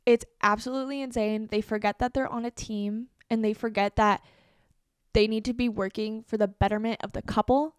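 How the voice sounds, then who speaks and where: A woman's voice: a little high, clear, resonant tone, no echo, clean studio sound. A woman in her twenties hosting a solo podcast, talking casually with lots of fillers. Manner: casual, animated, many fillers like "like" and "um". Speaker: podcast host.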